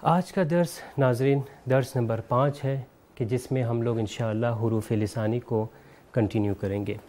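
Mellow-voiced man teaching Quran pronunciation. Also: mid-range voice, fairly even intonation. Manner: measured, explanatory, says letters out slowly to demonstrate. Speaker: Quran recitation teacher and show host. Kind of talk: televised lesson on Arabic pronunciation.

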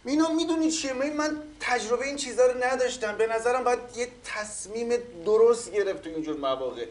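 An actor playing a fussy, well-meaning husband who rambles and flusters in a comedy series. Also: male voice, very high voice, lively intonation, a little hiss or hum. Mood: fussing.

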